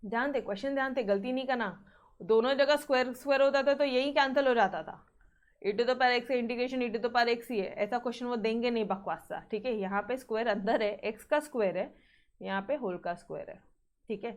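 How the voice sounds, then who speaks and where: A woman with a slightly high, brisk voice teaches maths, mixing Hindi with English terms. She often checks on her students and sternly tells them to keep practising.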